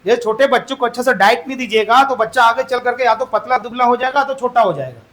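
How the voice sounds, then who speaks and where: A man teaches English grammar to a classroom. His voice sits very high for a man. He keeps throwing questions at the students and has them repeat the answers aloud. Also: quick pace, a bit bright. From Jharkhand, India.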